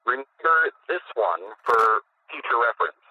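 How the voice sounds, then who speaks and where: A man's voice: mid-range voice, big pitch swings, normal speed. A man radio host reading out a comic list in a dry, explanatory way. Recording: tinny phone-like dry radio audio.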